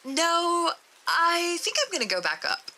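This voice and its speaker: A woman's voice: medium pitch, a little slow, sharp tone, poor audio. A woman voicing a young female test subject, nervous and easily grossed out, talking in a raised, exclaiming voice during a creepy story reading. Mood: wary. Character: young woman test subject descending endless stairs, scared and disgusted.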